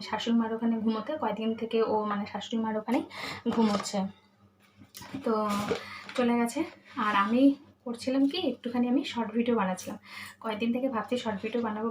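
A woman in her thirties speaking in a hushed voice in her kitchen at night, chatting to her vlog viewers. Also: fairly high pitch, background noise. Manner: speaks quietly so as not to wake her husband. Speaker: vlogger. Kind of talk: casual hushed vlog talk. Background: dishes and cutlery clinking.

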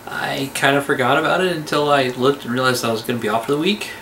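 Man in his 40s, offhand vlog voice-over at a desk, mid pitch, noisy background. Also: quick pace. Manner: relaxed, offhand, trailing fillers. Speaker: vlogger. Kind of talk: casual voice-over recap. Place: small cluttered room at home, indoors.

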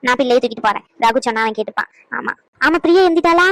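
A woman voicing a busy middle-aged mother in a cartoon, bossy and hurried. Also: a little high, lively intonation, no echo, rough recording. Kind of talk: cartoon voice acting.

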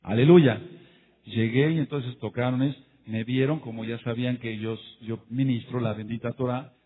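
A man delivers a sermon in a husky voice, pressing his points and calling out to his listeners. His emphasis swells into loud bursts. The recording is thin and tinny, like a phone line. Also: mid-range voice, steady tone, normal speed. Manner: addresses listeners directly. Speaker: preacher. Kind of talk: sermon with acted quotes.

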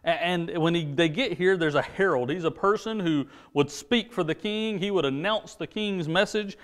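High-voiced man teaching a Bible story. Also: moderate pace. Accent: American. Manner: storytelling with paraphrased voices of characters. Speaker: junior church teacher. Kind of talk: children's Bible lesson.

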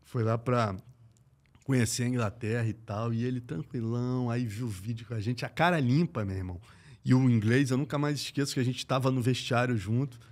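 A middle-aged man with a Brazilian accent, a guest telling a sports story in slangy, profane speech. He swings between loud and hushed and acts out the voices in his quotes. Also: mid-range voice. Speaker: podcast guest, combat sports journalist. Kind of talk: animated anecdote telling.

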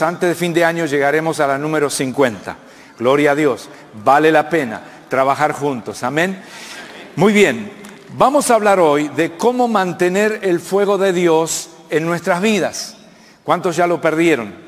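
Argentine male pastor, 50s, high voice, call-and-response sermon, long church-hall reverb. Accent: Argentine Spanish. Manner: preaching with call-and-response questions to the congregation.

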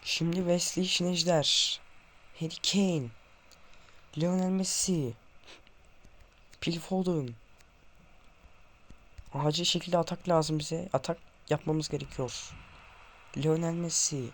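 A man's voice: fairly high pitch, slow, pauses often. A young man playing a football video game, nervously calling out player names to his viewers, saying his hands are trembling, then erupting when a goal comes. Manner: tense and excited, calling player names, bursting into goal shouts. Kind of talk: live gameplay commentary to viewers.

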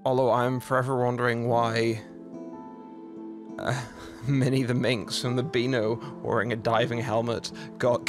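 A man chats his way through a video game, rambling through asides and laughing easily at what he sees. His voice sits at an ordinary middle pitch. Soft game music plays underneath him. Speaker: streamer. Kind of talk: let's play commentary.

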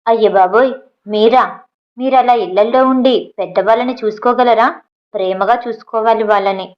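A teasing young man who talks with a sarcastic, bantering edge, as a woman narrator puts him on. He frets and jokes in turn, in a voice on the higher side. The recording is dull and lo-fi. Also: moderate pace, lightly acted. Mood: earnest. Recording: dull lo-fi audio.

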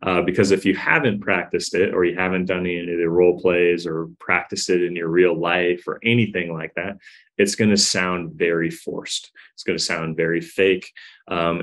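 Deep-voiced guy explaining sales calls, coachy, says "right?" a lot. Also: level tone, moderate pace, a bit bright. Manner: coaching, demonstrates tones, says "right?" and "we wanna" often. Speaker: sales trainer. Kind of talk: instructional talk.

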